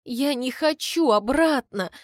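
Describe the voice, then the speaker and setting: A woman's voice: sits high, animated, measured pace, no room sound, studio quality, pitched above the performer's own voice. Woman playing a fiery, tearful young girl. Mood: upset, defiant. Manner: emotional, impulsive, tearful. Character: spirited, stubborn young noble girl.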